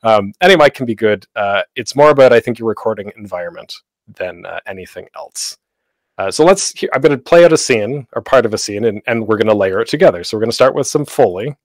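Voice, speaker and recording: Here a fast-talking man with a fairly low, expressive voice runs an instructional online panel on making audio dramas. He's casual and rambling, breaking into his own sentences. The home recording is close and dry with no room sound, though the quality is rough.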